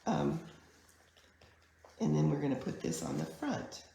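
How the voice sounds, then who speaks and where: A woman with a cold walks viewers through a crafting project, her croaky voice heavily gravelly. She speaks at a slow, unhurried pace, chatty and practical. Her voice carries a noticeable room echo with faint background noise. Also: sits low, animated, warm tone. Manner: chatty, unhurried step-by-step explaining. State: hoarse from a chest cold. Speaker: card-making demonstrator. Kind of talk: live online crafting class. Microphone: camera mic at a craft table. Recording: echoey room.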